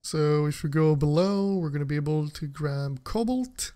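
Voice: mid-range voice, normal speed, warm tone. A game streamer giving casual, chatty commentary to viewers while playing, laughing often.

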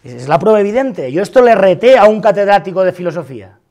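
A man's voice: high-pitched, expressive, fast, a little mellow, muffled recording. A man giving a university lecture on philosophy of music, arguing emphatically and repeating words for stress. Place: large lecture hall.

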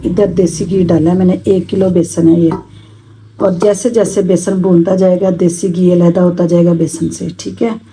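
A woman's voice: on the low side, creaky, mellow, a little hiss or hum, poor audio. A middle-aged woman chatting homely to her viewers as she cooks in her home kitchen, filmed on a phone camera. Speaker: cooking vlogger. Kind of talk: casual cooking vlog narration.

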